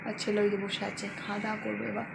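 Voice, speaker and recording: A woman's voice: mid-range voice, monotone, fast talker, gravelly, noisy background. A woman in her thirties, chatting casually to her viewers as she records a home vlog. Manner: chatty, talks straight to viewers. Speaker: family vlogger.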